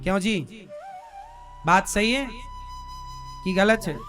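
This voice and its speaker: Male preacher, very high piercing voice, hammers the crowd with questions, soft flute behind. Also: takes it slowly, soft background music. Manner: rhetorical questions to the audience, demanding replies; forceful, emphatic preaching with rising outbursts. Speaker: preacher giving a scripture discourse. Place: live religious gathering.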